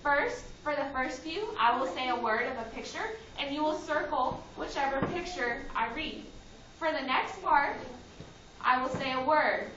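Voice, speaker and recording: A woman's voice: sits high, expressive, moderate pace, noisy background. A woman teacher using a kindergarten teacher voice, instructing young children with simple, repeated, directive phrases. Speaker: early elementary school teacher. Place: classroom with children, indoors. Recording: dull, roomy, distant classroom recording with children.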